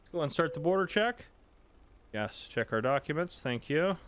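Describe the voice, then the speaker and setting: A young man giving casual, chatty commentary while he plays a driving game, thinking out loud and poking fun at himself. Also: on the high side, lively intonation, moderate pace, a little hiss or hum. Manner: chatty, self-deprecating, thinks aloud. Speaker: gaming channel host.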